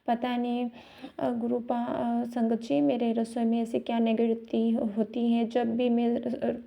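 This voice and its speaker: A middle-aged woman giving a halting devotional testimony of thanks, with many restarts and fillers. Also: a little high, monotone, gravelly, highs cut off.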